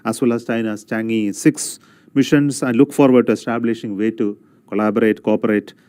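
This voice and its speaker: A man with an Indian accent giving a formal podium speech as an agency representative, in measured, halting phrases. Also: lowish voice, fairly even intonation, warm tone, clear, resonant tone.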